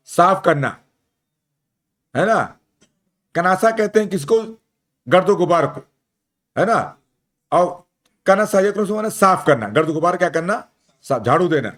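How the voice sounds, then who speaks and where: A male Arabic teacher leading a classroom lesson, spelling out letters slowly and keeping students engaged with frequent check-in questions. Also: high voice, a bit bright. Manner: quizzes students, keeps asking "isn't it?". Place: classroom at an Islamic school.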